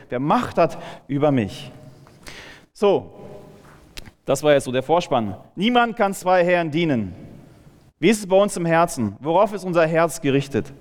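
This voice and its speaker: A man's voice: on the high side, long reverb tail. A man preaching a sermon in a casual, conversational way, asking his listeners rhetorical questions.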